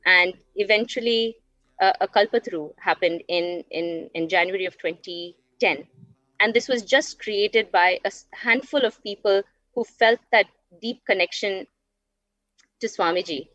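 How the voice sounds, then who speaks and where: A woman's voice: medium pitch, measured pace, fairly bright tone, no room sound. Woman in her 30s from dubai, earnest reflective storytelling, kind of muffled lo-fi stream sound. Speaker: interview guest. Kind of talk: personal testimony. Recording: dull, dry lo-fi stream audio.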